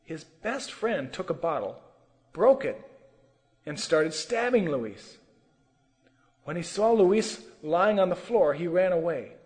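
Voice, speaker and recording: A man's voice: on the high side, a little mellow, big-room sound. A man telling a sermon testimony with earnest, emotional storytelling. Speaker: testimony preacher.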